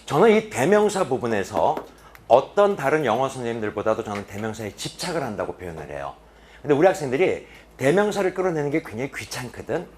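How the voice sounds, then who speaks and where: A man's voice: medium pitch, quick pace, slight background noise. A man teaching an English reading lecture in a classroom, asking his students questions and answering them himself. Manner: animated, with sharp drops to quiet emphasis. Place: classroom at a boarding academy.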